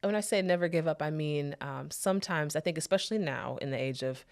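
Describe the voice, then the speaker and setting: A woman's voice: low-pitched, brisk, creaky. A woman in her thirties, a therapist and podcast guest, talking reflectively and searching for her words. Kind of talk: casual interview chat.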